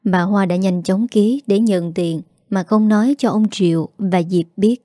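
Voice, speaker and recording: A woman narrating a family drama story in a steady scripted storytelling manner. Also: mid-range voice, measured pace, no echo, studio quality.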